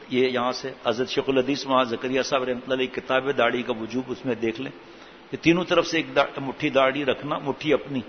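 A man giving an informal religious talk in a conversational way, with rhetorical questions and frequent restarts. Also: mid-range voice. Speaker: religious preacher. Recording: dull lo-fi recording with faint hiss.

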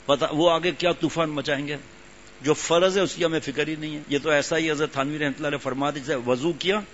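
Older man preaching, muffled and slightly high. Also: fairly bright tone. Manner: conversational, repeats phrases for emphasis. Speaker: religious teacher. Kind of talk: sermon. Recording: muffled lo-fi recording with faint hum.

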